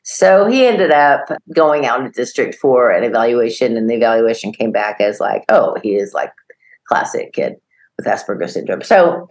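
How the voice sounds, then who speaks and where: A middle-aged woman co-hosting a podcast, telling a story in a lively way and acting out the voices of the people in it. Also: very deep voice, normal speed. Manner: animated storyteller, acts out quoted voices, laughs often. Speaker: podcast co-host. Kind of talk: casual storytelling chat.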